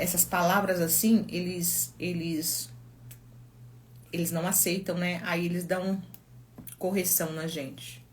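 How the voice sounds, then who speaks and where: A woman's voice: mid-range voice, a little hiss or hum. Middle-aged Brazilian woman, psychologist hosting a live stream, chatty anecdotal delivery, phone mic. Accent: Brazilian Portuguese. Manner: chatty storytelling, reads viewer comments aloud. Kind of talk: casual live-stream chat.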